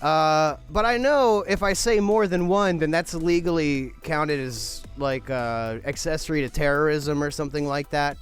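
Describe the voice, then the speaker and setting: High-voiced man ranting about pet peeves. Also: moderate pace, few pauses, clear, resonant tone, soft background music. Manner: rambling storyteller with mock outrage. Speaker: podcast co-host. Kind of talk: casual comedic banter.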